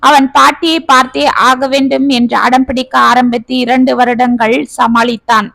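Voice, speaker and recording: High-voiced woman reading a family story. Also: dry recording, poor audio. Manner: steady, even storytelling read. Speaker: storyteller, channel host. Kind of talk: scripted story narration.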